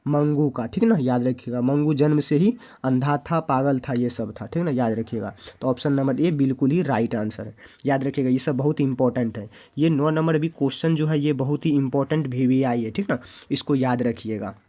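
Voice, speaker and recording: A man's voice: medium pitch, brisk, dark tone. A male teacher from India walking students through exam questions, repeating answers and reminders to remember them. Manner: repetitive, keeps asking students to remember.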